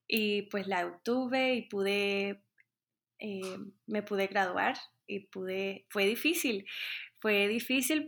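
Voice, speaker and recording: Earnest coastal woman, halting. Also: mid-range voice, pushed and bright. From Colombia, Caribbean coast. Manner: earnest, halting, with many fillers and restarts. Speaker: interview guest, music teacher. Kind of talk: casual interview answers.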